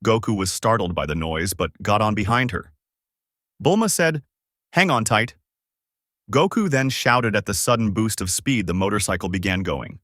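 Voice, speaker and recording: Lively male story narrator, dry sound. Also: normal speed, no echo. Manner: steady storytelling read with lively pitch movement. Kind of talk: fan-made story narration.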